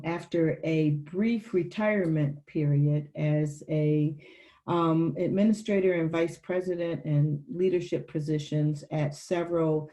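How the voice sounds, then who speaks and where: Older woman educator, measured and friendly, slow delivery. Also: sits low, warm tone, low-quality recording. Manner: measured, friendly introduction with fillers. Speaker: college administrator and educator. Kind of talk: roundtable discussion.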